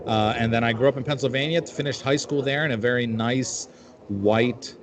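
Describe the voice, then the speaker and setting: A man's voice: mid-range voice, normal speed. Wry, dry-humored man from Jordan. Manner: dry, wry storytelling with filler-laden asides. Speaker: comedian and panel guest. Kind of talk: casual comedic chat.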